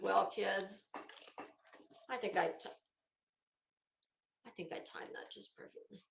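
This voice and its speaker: This woman's gravelly, mid-range voice keeps a steady tone at a slow pace, with noise in the background. Hosting a livestream, she chats with viewers about a legal case in a sarcastic, theatrical, exasperated and mocking way, in an echoey room.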